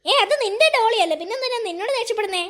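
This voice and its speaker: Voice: very high voice, racing, background noise. A performer voicing a caring older brother in a cartoon, talking in a coaxing way. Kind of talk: cartoon voice acting.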